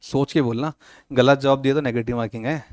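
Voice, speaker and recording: A man's voice: medium pitch, steady tone, quick pace, a little mellow, dry recording, clean studio sound. A man teaching a classroom lecture, joking with and quizzing his students, mixing with words. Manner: playful, teasing students with questions.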